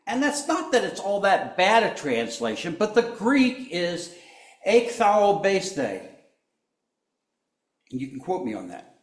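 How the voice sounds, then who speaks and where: A man's voice: high-pitched, very animated, slow, pauses often, echoey room. A man preaching a sermon, telling the story with humor and acting out the quoted lines. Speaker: pastor.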